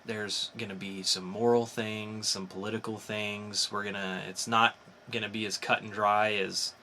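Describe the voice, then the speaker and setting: A man co-hosts a podcast, chatting casually and enthusiastically in a comic book review. His fairly low voice has a flat delivery at normal speed, sounding pushed and bright, with faint background noise.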